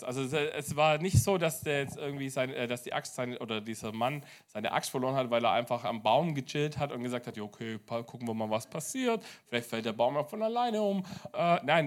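Male pastor, energetic sermon, slightly high-pitched, big swings in volume. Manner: lively preaching with sudden loud and soft turns. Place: church.

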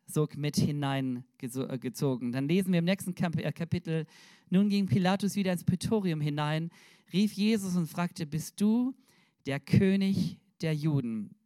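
A man's voice: on the high side, darkish tone, no room sound, clean studio sound. A man preaching a sermon in a conversational way, often putting questions to the congregation and searching for words mid-sentence. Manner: addresses the congregation with rhetorical questions.

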